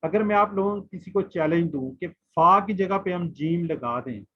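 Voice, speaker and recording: Guy teaching an online quran class, slightly high voice, husky, patient, repeats stuff a lot. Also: normal speed. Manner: patient, repetitive drilling, asks the class questions. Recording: muffled lo-fi online class audio.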